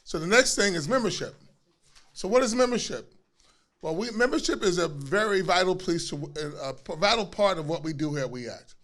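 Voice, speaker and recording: Male organization speaker with a notably high pitch, urging people at a meeting. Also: lively intonation, brisk, a bit bright.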